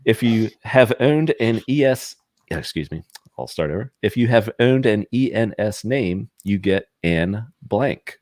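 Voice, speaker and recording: A man hosting a casual live-stream show, running trivia with quick upbeat laughs. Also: lowish voice, lively intonation, darkish tone, dry recording, clean studio sound. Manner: upbeat quiz-master, laughs often.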